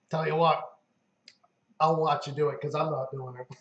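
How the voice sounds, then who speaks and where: A man's voice: fairly high pitch, flat delivery, measured pace, noisy background. A man hosting a live gaming stream, talking in a rambling, chatty way with lots of fillers. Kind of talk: casual gaming chat. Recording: roomy, dull lo-fi stream audio.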